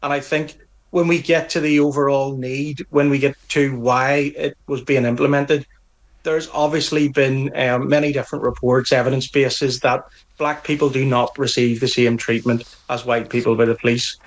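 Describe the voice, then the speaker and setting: A middle-aged police association representative with a Northern Irish accent answers interview questions earnestly and firmly, frequently restarting his phrases. His mid-range voice keeps a level tone at a moderate pace.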